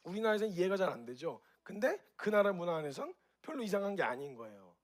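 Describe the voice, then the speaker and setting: A man giving a lively talk to an audience, asking them questions and acting out reactions with sound effects. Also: sits high, fast talker. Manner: animated, direct questions to the audience. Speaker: speaker at a group gathering.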